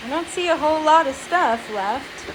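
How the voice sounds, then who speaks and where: A woman's voice: sits high, expressive, moderate pace, noisy background. A young adult woman hosting a home video, chatting casually with a child.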